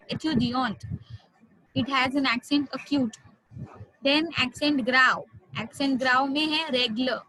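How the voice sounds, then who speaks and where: Indian woman French tutor, high voice, slow and patient, mixes in Hindi. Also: fairly bright tone, dry recording, low-quality recording. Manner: explains slowly, switches into Hindi, spells words out. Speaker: French teacher. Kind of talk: online class teaching.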